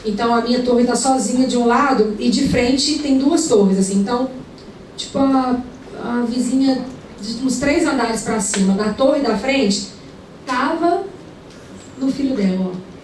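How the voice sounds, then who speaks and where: Woman preacher, high voice, storytelling sermon, very echoey hall, distant mic. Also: unhurried. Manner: conversational, rhetorical questions, lively retelling. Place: large indoor event hall. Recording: echoey hall, mic far away, faint room noise.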